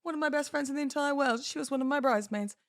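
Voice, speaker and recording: A chatty British woman hosts a solo podcast, and she's also a wedding celebrant. Her high voice moves very fast with a theatrical, playful delivery, and the sound is dry and close with no echo.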